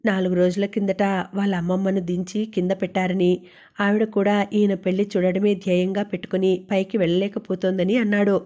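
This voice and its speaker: A woman voicing a gentle, wistful young working woman talking with her roommate and father. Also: mid-range voice, level tone, fairly quick, close to an everyday voice.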